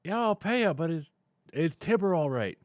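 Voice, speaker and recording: A man doing a gruff, foul-mouthed grump. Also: a little high, sing-song, normal speed, no echo, voice pushed up. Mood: irritated. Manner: gruff, swears constantly.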